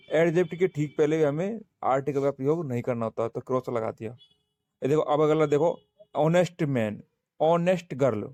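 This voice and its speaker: A man with a fairly high but mellow voice teaching a grammar class for exam students. He goes step by step, asking a question and answering it himself. The sound is dry and close, with no room around it. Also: dry recording. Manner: slow, repetitive, asks and answers his own questions. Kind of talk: exam-prep grammar lesson.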